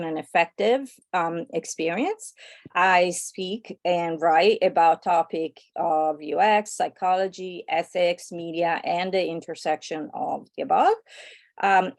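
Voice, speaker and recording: A woman with an Italian accent gives an eager, chatty talk on a video call. She speaks in a slightly low, gravelly voice with a few fillers. The sound is dry and close. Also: no echo. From Italy. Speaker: guest speaker. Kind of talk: online presentation.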